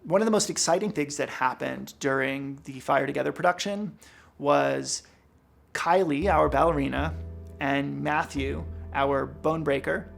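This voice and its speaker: Director type, male, thoughtful and explanatory, rough gravelly tone. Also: on the high side, unhurried, soft background music. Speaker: production director. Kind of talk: behind-the-scenes interview.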